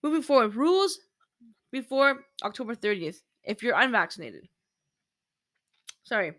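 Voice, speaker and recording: A woman's voice: a little high, big pitch swings, normal speed, a bit bright, no echo. A woman, casually explaining rules step by step in a chatty vlog. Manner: chatty, walks through steps point by point. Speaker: vlogger.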